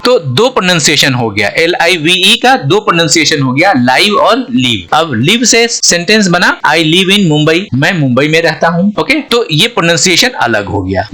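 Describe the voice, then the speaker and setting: Lively, bright-voiced man teaching vocabulary. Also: a little high. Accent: Hindi. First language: Hindi. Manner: reads example sentences slowly, asks "right?" often. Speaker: English teacher. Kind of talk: explaining English vocabulary.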